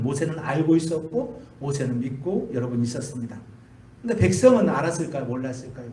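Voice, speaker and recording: A man's voice: medium pitch, warm tone, recorded from a distance, slight background noise. Preaching man in an echoey church. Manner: asks the congregation questions, repeats key phrases for emphasis. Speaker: pastor. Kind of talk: sermon. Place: church sanctuary.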